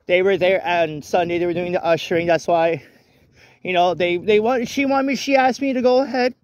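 Holding his phone camera as he walks through a rainy night, a young man vlogs casually, wandering off-topic and restarting often. The voice is high and fairly quick, with no echo.

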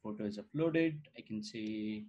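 The founder of a startup, a man from India whose first language is Gujarati, demos software on a video call with screen sharing. His lowish voice moves at a moderate pace, conversational and full of "uh" fillers and "right?" tags. Recorded indoors on a webcam mic, the sound is lo-fi.

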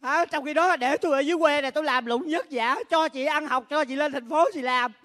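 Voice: high-pitched, a bit bright. A performer playing a scolding younger sibling, in a live stage comedy skit. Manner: scolding, rapid reproach.

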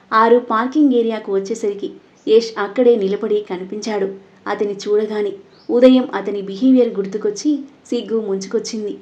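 Mellow female storyteller narrating a story. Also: fairly high pitch. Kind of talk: scripted audio story narration. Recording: dull lo-fi audio.

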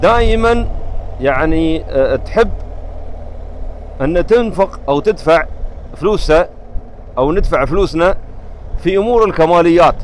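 A man's voice: on the high side, moderate pace, long pauses. A man with an Emirati Gulf Arabic accent talking casually and earnestly about faith as he rides, repeating phrases for emphasis. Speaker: motovlogger. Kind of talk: casual religious reflection while riding. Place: outdoors on a motorbike in traffic. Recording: steady vehicle and traffic noise.

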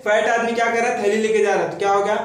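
A man teaching memory tricks and asking questions he then answers himself, in a steady explaining manner. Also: sits high, rapid-fire. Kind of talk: mnemonic lesson for students. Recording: very echoey room, mic far off.

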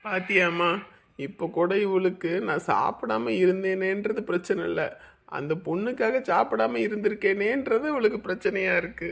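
A young man playing a lovesick son who is weak from fasting and speaks in a subdued, low way. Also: gravelly, a bit bright, heavily acted. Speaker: grown son.

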